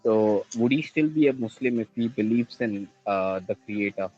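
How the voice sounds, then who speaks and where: A man from India, calling in with questions, halting and restarting as he searches for words. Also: lowish voice, expressive, darkish tone, faint music behind. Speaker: caller. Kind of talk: call-in question to a religious show. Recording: dull lo-fi call line.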